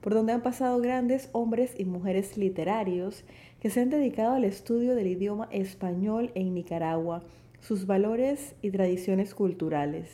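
A woman presenting a poetry podcast as scripted narration, in a formal, measured manner. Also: medium pitch, warm tone. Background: background music.

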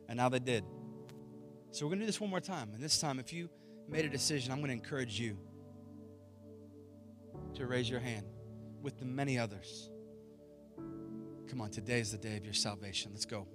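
A man speaking as a pastor in an evangelical altar call, informal and coaxing, with short repeated urgings. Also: mid-range voice. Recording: music playing under the voice. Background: instrumental music.

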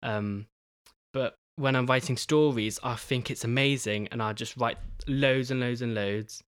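A young man hosting his own podcast in a casual solo talk, halting, with many pauses and restarts. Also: medium pitch, fairly bright tone, clean tone, dry recording, studio quality. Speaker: podcast host.

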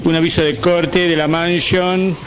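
A man's voice: a little high, flat delivery, unhurried, close to an everyday voice. A man doing a cocky Batman parody. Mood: boastful. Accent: Rioplatense Spanish. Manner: cocky, slangy, rambling.

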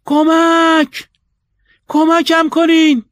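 A man voicing a desperate, hunted man who begs and shouts in panic, in a storybook reading. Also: very high-pitched, monotone, no echo, clean studio sound, pitched above the performer's own voice. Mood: shouting. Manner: frantic begging, shouting.

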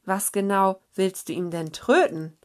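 A woman's voice: medium pitch, a little slow, darkish tone, close to an everyday voice. A woman voicing a decisive young girl who leads her friends. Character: bold young girl, leader of the group.

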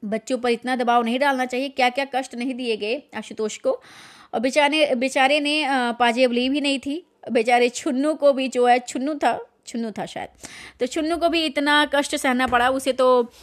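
A woman's voice: high-pitched, fairly even intonation, moderate pace. A woman reading a literary short story aloud, then talking it over in her own words with some hesitation. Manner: reads dramatically, then comments with fillers.

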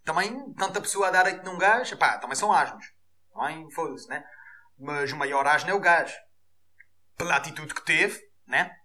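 A man with a European Portuguese accent hosting a podcast, delivering an animated, profane comic rant. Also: a little high, moderate pace. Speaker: podcast host.

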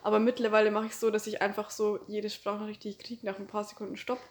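Fast-talking Bavarian woman, flat voice. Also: medium pitch. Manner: fast-talking, laughs often. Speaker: podcast co-host. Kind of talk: casual chat.

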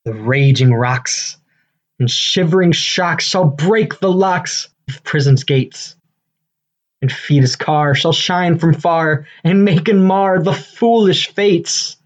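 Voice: medium pitch, slow, highs cut off. Bombastic Nick Bottom, a boastful weaver actor's role. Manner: bombastic, declamatory, self-important. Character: Bottom, boastful, eager amateur-actor weaver, adult man. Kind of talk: Shakespearean comedy acting.

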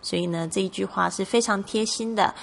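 A woman's voice: medium pitch, steady tone, fairly quick, vocal fry, in a large hall. A woman from Taiwan with a Taiwanese Mandarin accent, patiently explaining English words and spelling them out as a teacher. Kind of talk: explanatory lesson narration.

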